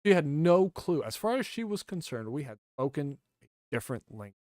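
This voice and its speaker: A man's voice: a little high, sing-song, a little fast, darkish tone, no echo, clean studio sound. A man talking casually to his livestream chat, rambling and correcting himself, laughing now and then.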